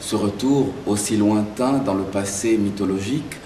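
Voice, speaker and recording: Man, playwright being interviewed, thoughtful, halting restarts, low voice, roomy echo. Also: background noise. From Belgium and Zaire. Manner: thoughtful, searching for words with many restarts. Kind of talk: reflective interview answers. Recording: echoey room, mic far off.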